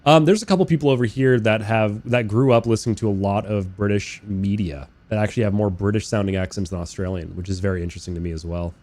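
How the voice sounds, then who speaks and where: A young man live-streaming a flight sim, chatting casually and rambling, swearing freely, talking to his chat and bursting into loud incredulous rants. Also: fairly low pitch, fairly even intonation, fast talker, hardly any pauses. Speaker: game streamer. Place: living in Australia.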